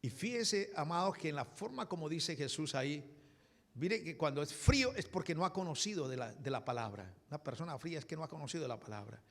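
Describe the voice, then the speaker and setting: Man, pastor, animated sermon, shouts at times, fairly high voice, long reverb. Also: fairly quick. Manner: animated preaching, shouting quoted verses. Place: church hall.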